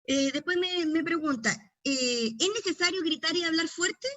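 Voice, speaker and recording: High-voiced Chilean woman pastor, dry sound. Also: normal speed, fairly bright tone, dry recording. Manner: conversational, storytelling with tag questions. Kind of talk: teaching session on deliverance.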